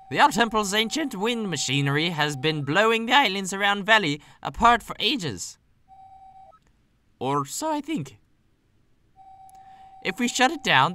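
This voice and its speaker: A man voicing a fussy, excitable old male owl professor in a game playthrough, speaking high and urgently. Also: full character voice.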